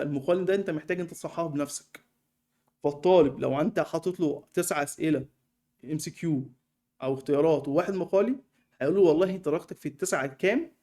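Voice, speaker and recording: A young online course tutor with an Egyptian Arabic accent and a high-pitched voice walks through a screen-recorded software tutorial. He talks fast and chattily, using many fillers.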